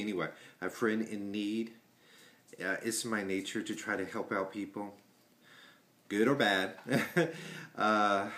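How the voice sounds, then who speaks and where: Slow, rambling man on webcam. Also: fairly low pitch, fairly bright tone. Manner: rambling, many fillers and restarts. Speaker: vlogger. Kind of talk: casual chat. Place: home living room, indoors. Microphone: webcam at desk.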